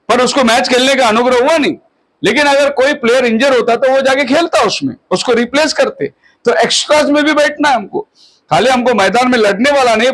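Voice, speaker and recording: A man in his fifties, a pastor, preaching at a house prayer meeting, exhorting his listeners and slowing down on English phrases. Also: very high-pitched, fairly bright tone, rough recording. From India. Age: 50s. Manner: exhorting, mixes English phrases and slows on them.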